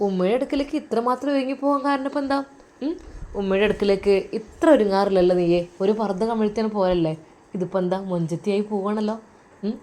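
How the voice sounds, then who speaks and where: A woman's voice: mid-range voice, fast talker, warm tone, lightly acted. Woman doing a bossy older brother, harsh, interrogating, commanding, Malabar accent, storybook drama. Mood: suspicious. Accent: Malabar Malayalam.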